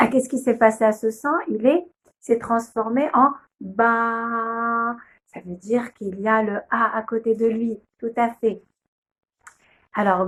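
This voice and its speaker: A young woman, a kindergarten teacher, slowly and patiently sounding out letters and syllables in a phonics lesson video. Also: medium pitch, fairly bright tone.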